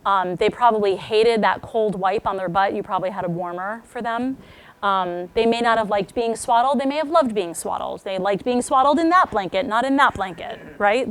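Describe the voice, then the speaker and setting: Candid woman speaking to a parent group. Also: mid-range voice. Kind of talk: parent talk to a live group.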